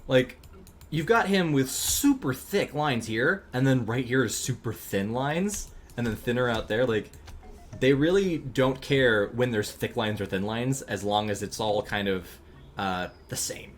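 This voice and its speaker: A man chatting casually while drawing on a livestream, relaxed and rambling, thinking aloud with ums and laughs. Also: medium pitch, measured pace, slight background noise. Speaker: streamer and animator.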